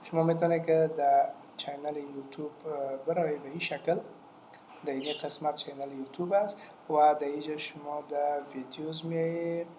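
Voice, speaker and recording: A man with an Afghan Dari accent gives an online English lesson in a slightly high, mellow voice. He works patiently, repeating each word slowly with frequent hesitations. The recording sounds echoey, with faint noise behind him. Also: fairly even intonation. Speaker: English teacher.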